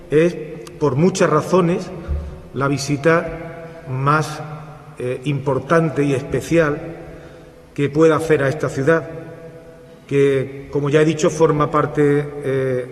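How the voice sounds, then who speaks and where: A man from Seville, an author giving an earnest, halting speech with many restarts at a book presentation. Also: fairly high pitch. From Seville, Spain. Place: cultural centre hall. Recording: reverberant hall through PA.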